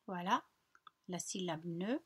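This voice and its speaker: A woman teacher slowly guiding children through a French workbook lesson, repeating words and spelling out syllables patiently. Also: on the low side, slightly rough. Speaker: primary school teacher. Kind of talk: recorded lesson walkthrough.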